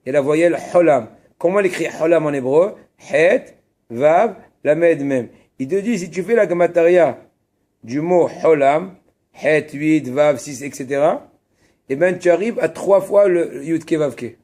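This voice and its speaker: In an unhurried, somewhat high voice, a rabbi leads his students through a religious text with animation. He asks and answers his own questions, leans on Hebrew terms, and adds offhand remarks to the class.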